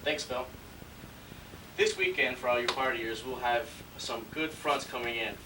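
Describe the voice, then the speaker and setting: A man's voice: medium pitch, measured pace, natural voice. A man playing a breezy, mock-serious weatherman in a parody newscast. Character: parody TV weatherman cheerfully forecasting wild teen parties. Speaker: weather presenter. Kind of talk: parody news weather report. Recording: distant mic, faint room noise.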